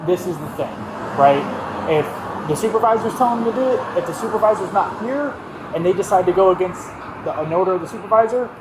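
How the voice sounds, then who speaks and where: A man on police duty talks someone down in an even, reassuring tone, his voice sitting a little high. The body-camera audio carries the echo of a hard lobby and a faint hum of background noise. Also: quick pace. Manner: calm, reassuring, repeats "right?". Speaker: police officer. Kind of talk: calm de-escalating talk.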